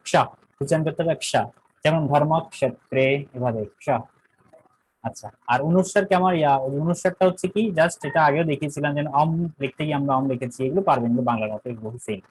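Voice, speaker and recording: A man's voice: mid-range voice, darkish tone, slightly rough, low-quality recording. Man patiently teaching Sanskrit. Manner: patient, repeats points and checks understanding often. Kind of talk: online language lesson.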